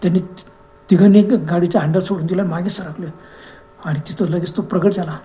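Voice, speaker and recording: A woman's voice: lowish voice, fairly even intonation, fairly quick, dark tone, slight background noise. A woman storyteller narrating a horror story in a dramatic, suspense-building way.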